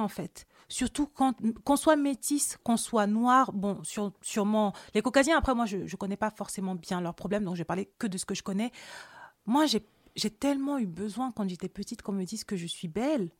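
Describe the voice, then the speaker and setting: A woman from Cameroon hosting a podcast, telling personal stories in a casual, animated interview chat. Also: medium pitch, dry recording, clean studio sound. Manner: animated storytelling, many fillers. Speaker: podcast host.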